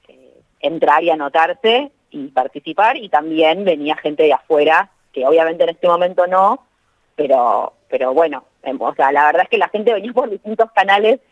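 A woman's voice: low voice, animated, normal speed, no echo. A woman with a Rioplatense Spanish accent speaks from home over a bad phone connection that keeps cutting out. The line is muffled and lo-fi, and her voice sounds dry and close. She chats casually, stopping and restarting often. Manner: chatty, many hesitations and restarts. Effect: bad phone connection that cuts out. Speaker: journalist and tour co-creator, radio guest.

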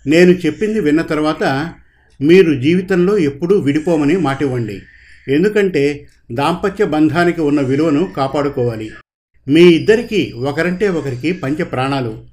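A man voicing a calm, wise male judge who speaks in an unhurried, measured way. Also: fairly high pitch, lightly acted.

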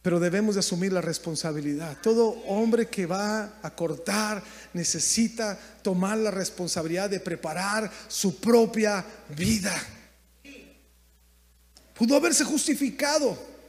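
A man preaching a sermon as pastor, in impassioned bursts that drop to quiet asides. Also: sits high, unhurried. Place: church sanctuary. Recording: long hall reverb.

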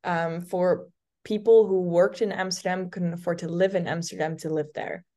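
Her warm, lowish voice holds a steady tone at a moderate pace. This twenty-something woman from the Netherlands, a native Dutch speaker with a light accent, is a podcast guest chatting casually and telling stories with lots of restarts and filler words.

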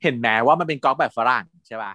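A man co-hosting a casual chat, recapping a series in an animated, giggly way and mixing in English words. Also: mid-range voice, very fast. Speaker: hospital worker who does shifts.

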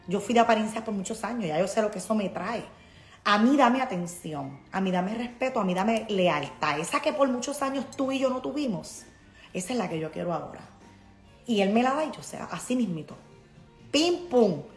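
A woman's voice: mid-range voice, a little mellow, reverberant. A woman with a Puerto Rican accent hosting a casual live stream, talking emphatically and reading out viewer comments. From Puerto Rico. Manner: emphatic, preachy, motivational.

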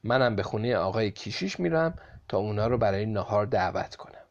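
A man voicing a cheerful male peasant farmer who talks briskly and gives orders, in a storybook reading. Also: on the low side, animated, lo-fi sound.

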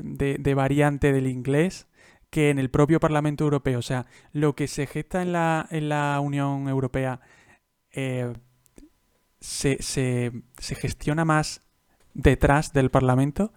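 A man interviewing a guest, asking long, halting questions and giving short backchannel replies. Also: fairly high pitch, darkish tone, clear, resonant tone, dry recording, clean studio sound. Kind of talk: conversational interview.

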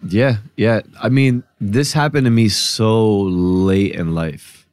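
A man with a low voice tells his story as a podcast guest, calm and reflective, with plenty of casual filler words. He is from New Jersey, and his voice sounds dry and close to the mic. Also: takes it slowly, no echo. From Newark, New Jersey, US. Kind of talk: casual conversation.

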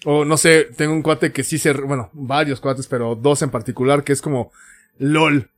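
A man's voice: a little high, steady tone, normal speed. A young man with a Mexican Spanish accent, slightly drunk, co-hosting a casual podcast chat. He talks freely, laughs often and acts out the texts he quotes. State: tipsy. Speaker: podcast co-host.

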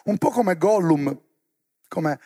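A man giving a lively sermon to young people and often asking the crowd questions. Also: high voice, takes it slowly, husky. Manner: animated, asks the crowd questions. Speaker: preacher.

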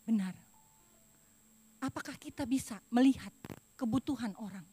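High-voiced woman preaching a sermon. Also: normal speed, slightly rough, soft background music. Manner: confessional, swings from loud emphasis to hushed apology. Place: church pulpit.

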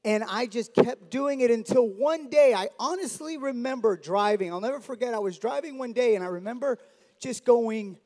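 A man's voice: very high-pitched, expressive, moderate pace. Earnest man, echoing church hall. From South Florida. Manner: earnest, warm, with light humor. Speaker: church member giving testimony. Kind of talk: testimony talk in church. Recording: long reverb of a church hall.

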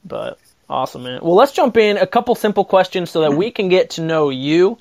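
Host: friendly man with a slightly high voice, casual interview tone. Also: lively intonation, a little fast, darkish tone. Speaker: podcast host.

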